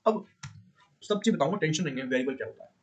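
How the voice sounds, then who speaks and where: A man teaching a beginner coding lesson in a casual way, repeating points and asking and answering his own questions, often pausing to fix his drawing. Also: a little high, lively intonation, darkish tone, husky. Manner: frequent pauses to fix the drawing.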